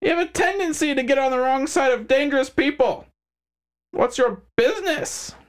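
A man voicing a sadistic, mocking male crime boss with a high-pitched, squealing voice. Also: moderate pace. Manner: mocking, smug and menacing.

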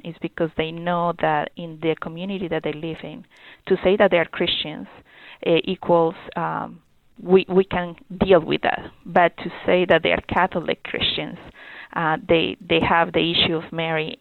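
An earnest woman from Colombia gives interview answers in a low, gravelly voice. She speaks haltingly, with many fillers and restarts, and the dry recording has a narrow, phone-like sound with no room tone.

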